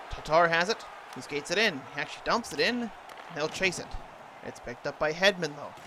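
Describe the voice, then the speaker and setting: Guy doing hockey announcer impression, play-by-play of a video game, voice a bit high, noisy game sound behind him. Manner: imitating a TV sports announcer's delivery. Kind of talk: live sports commentary over video game.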